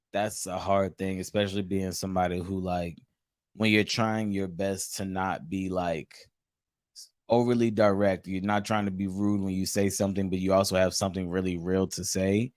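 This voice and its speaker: A man co-hosting a casual relationship chat, animated, repeating himself and swearing casually. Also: low voice, moderate pace, no echo, clean studio sound. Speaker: podcast co-host.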